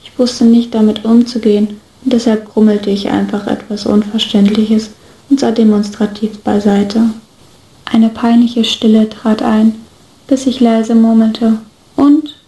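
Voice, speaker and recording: A woman reads a story aloud with steady, even storytelling. Her voice is mellow and sits fairly high. It rings in an echoey room. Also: a little slow. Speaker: reader.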